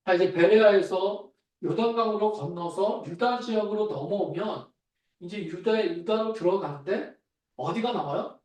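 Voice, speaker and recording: A man's voice: sits high, moderate pace, darkish tone. A man preaching a sermon as pastor, speaking in a conversational way and asking the congregation questions. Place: church sanctuary. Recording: echoey church hall, voice from far off.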